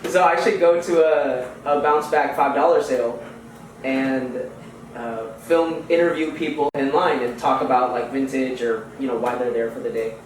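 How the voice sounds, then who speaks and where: A man's voice: mid-range voice, fairly even intonation, moderate pace. A young man from Houston, a podcast guest, talking in a laid-back, slangy way with lots of fillers. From Houston, United States. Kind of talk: casual interview chat. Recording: echoey room, far from the mic, faint noise.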